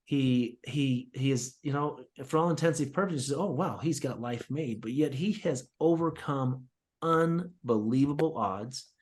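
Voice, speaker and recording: A man's voice: mid-range voice, unhurried. A man co-hosting a money podcast, introducing his guest in an upbeat, enthusiastic way with some fillers. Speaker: podcast co-host.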